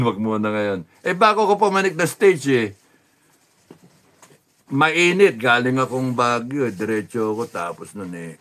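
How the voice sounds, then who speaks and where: A man telling a casual anecdote. He is animated and laughs often, sometimes drops to a low, soft mumble, and acts out the voices of people he quotes. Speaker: storyteller recounting a rally.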